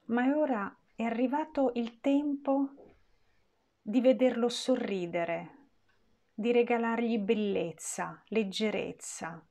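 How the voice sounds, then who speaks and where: Woman, meditation guide, unhurried and soothing, mid-pitched voice. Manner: slow, gentle, soothing delivery with long pauses.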